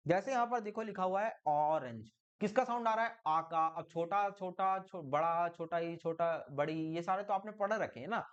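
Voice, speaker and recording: Teaching English grammar with an Indian Hindi accent, this man sounds high-pitched, clear, and resonant, moving at a moderate pace with few pauses. He's encouraging and sing-song, often saying "बहुत बढ़िया" and "ठीक है?" to check students follow. The highs are cut off.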